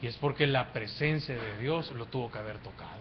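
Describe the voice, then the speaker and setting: A male pastor preaching a sermon in church. His voice swings between hushed, low phrases and loud, rising exclamations. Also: brisk, slight background noise. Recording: dull lo-fi church recording.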